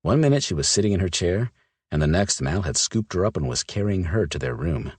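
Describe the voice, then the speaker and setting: A man narrating a romance audiobook in an expressive, measured way. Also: low voice, breathy edge, no room sound.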